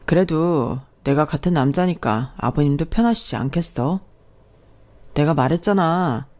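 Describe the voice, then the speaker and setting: A woman reading the lines of a kind, meek young husband who speaks softly and apologetically. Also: low voice, lively intonation, unhurried. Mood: gentle.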